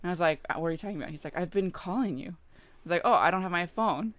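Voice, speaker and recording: A woman's voice: fairly low pitch, animated, very fast, no room sound. A woman in her thirties chatting casually, telling a story and acting out the quoted lines.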